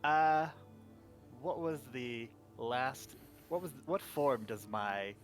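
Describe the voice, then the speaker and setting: A man's voice: medium pitch, lively intonation, slow pace, faint music behind. A man playing a tabletop game as a wizard player, talking in wry, sarcastic banter. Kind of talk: casual tabletop play.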